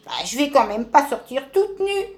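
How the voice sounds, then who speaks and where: A woman's voice: on the high side, expressive, moderate pace, close to an everyday voice. A woman voicing a stubborn, sneezing female tortoise in a children's storybook, speaking in cross, indignant bursts. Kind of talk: storybook character voice.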